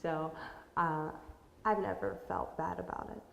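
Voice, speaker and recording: Young woman, lowish voice, casual interviewee; roomy, muffled audio. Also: big pitch swings, measured pace, creaky. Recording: dull, echoey room with long reverb.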